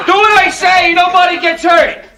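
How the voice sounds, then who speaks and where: High-pitched, barking bank robber. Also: male voice, little pitch movement, normal speed, vocal fry, a loud crowd. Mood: menacing. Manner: barking orders. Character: bossy, impatient, short-tempered male bank robber. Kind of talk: broad sitcom acting. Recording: noisy sitcom soundstage with loud studio audience.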